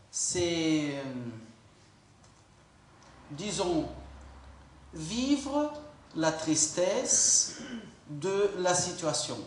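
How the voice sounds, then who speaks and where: A man from Brazil preaching a sermon in a church, animated and acting out quoted voices. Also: high voice, a little hiss or hum. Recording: echoey church hall.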